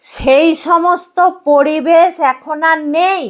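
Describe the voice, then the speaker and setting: A woman's voice: extremely high pitch, steady tone, slow. A woman giving a devotional sermon, stressing her points in repeated parallel phrases and asking her listeners rhetorical questions. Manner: repetitive emphatic preaching lists. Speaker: religious speaker.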